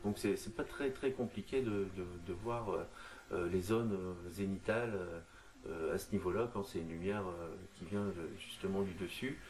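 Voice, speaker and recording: A man talking through a miniature painting tutorial in a casual, halting way, full of fillers and restarts. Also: sits low, a little mellow, a little hiss or hum. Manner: hesitant, lots of fillers and restarts, addresses viewer informally.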